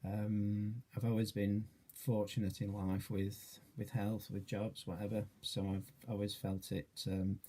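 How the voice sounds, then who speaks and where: A man's voice: on the low side, little pitch movement, unhurried, hardly any pauses, dark tone. A man in his late forties from Yorkshire, introducing himself in a video as a charity trustee, hesitant and modest with many fillers. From Yorkshire, England. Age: 40s.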